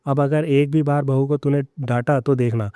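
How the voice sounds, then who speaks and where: Older father-in-law figure, quiet, stern, voiced by a man, mellow, smooth. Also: medium pitch, fairly even intonation, moderate pace, dry recording, studio quality, lightly acted.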